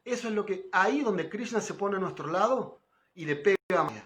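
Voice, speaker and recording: A man's voice: sits high, animated, fairly quick, a bit bright. Man giving a chatty devotional class. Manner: conversational, frequent tag questions, quotes others with lifted voice. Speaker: spiritual teacher giving a class.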